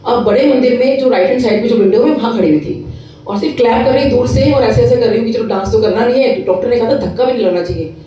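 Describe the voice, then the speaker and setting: A middle-aged woman, a dentist, telling a devotional testimony in a lively storytelling way, acting out the voices she quotes and slipping in English phrases. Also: fairly high pitch, fast. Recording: echoey room, mic at a distance.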